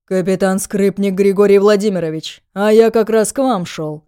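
A woman's voice: medium pitch, fairly even intonation, normal speed, warm tone, smooth, no echo, clean studio sound, close to an everyday voice. A woman voicing a stern male police captain who talks in firm, formal official phrases.

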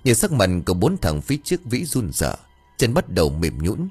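A man narrating a ghost story in a low voice that swings widely in pitch. His telling is dramatic and expressive. Soft music plays faintly behind him. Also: moderate pace, husky.

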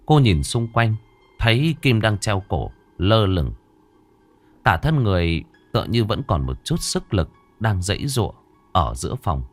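A man narrating a horror story, dramatic and expressive. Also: lowish voice, measured pace, soft background music.

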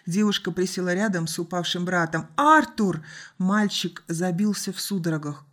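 Woman narrating an audiobook, lowish voice. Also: brisk. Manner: steady storytelling. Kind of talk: scripted narration.

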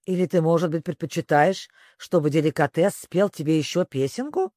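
A storybook reader voicing a fussy, excitable male griffin who grumbles. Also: medium pitch, moderate pace, no echo, studio quality, lightly acted.

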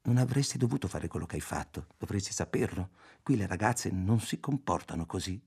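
A male reader voicing a stern young man who speaks quietly and firmly. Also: sits low, expressive, brisk, creaky, husky, heavily acted. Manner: quiet, firm, dismissive.

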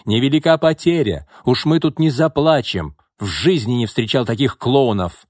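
A man's voice: medium pitch, expressive, a little fast, mellow, no echo, clean studio sound, pitched above the performer's own voice, close to an everyday voice. A man reading an audiobook voices a blunt, scornful male construction foreman who hollers back in a quarrel. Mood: scornful yelling.

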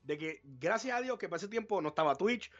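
A man co-hosting a live podcast, animated and profane, acting out his reactions. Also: high voice, fairly quick, dull audio. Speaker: podcast co-host. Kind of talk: casual live podcast chat.

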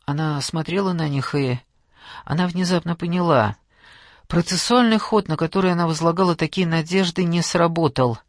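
A man narrating a crime novel as an audiobook. His voice sits a little high, and he tells the story in a dramatic, steady way. It sounds dry and close. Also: normal speed, no echo. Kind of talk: scripted narration.

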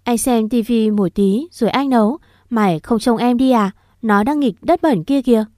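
A woman's voice: a little high, moderate pace, warm tone, no echo, clean studio sound, natural voice. A woman voicing a sulky, quarrelsome teenage village boy. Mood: bossy. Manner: quarrelsome, then tearful.

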